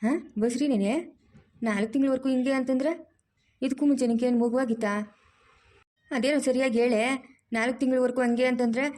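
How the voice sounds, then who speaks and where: A woman voicing a bossy, caring middle-aged village aunt, in a loud, scolding, teasing manner. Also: sits high, fairly even intonation, brisk, long pauses, close to an everyday voice.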